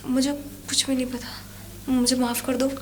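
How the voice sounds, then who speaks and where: A woman's voice: sits high, flat delivery, normal speed, a little mellow, a little hiss or hum, lightly acted. A woman playing a young married woman who pleads with and defends herself to a former lover. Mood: pleading. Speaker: actor. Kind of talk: low-budget crime drama acting.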